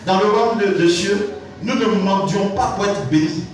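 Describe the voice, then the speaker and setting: A man's voice: unhurried, slight background noise. A man preaching a sermon, telling stories and rising into exclamations. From Côte d'Ivoire. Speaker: pastor. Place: large church hall. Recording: booming echo from a distant mic, faint music.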